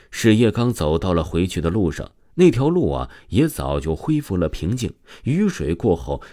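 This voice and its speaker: A man reading a story aloud in a lively, sing-song storytelling manner, drawing out the poems he recites. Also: low voice, no room sound, clean studio sound.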